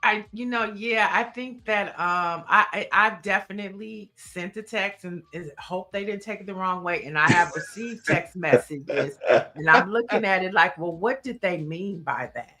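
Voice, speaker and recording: A woman co-hosting a casual talk show, chatting in an animated, talkative way and laughing often. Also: medium pitch, normal speed, hardly any pauses, over music. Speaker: co-host. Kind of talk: casual chat.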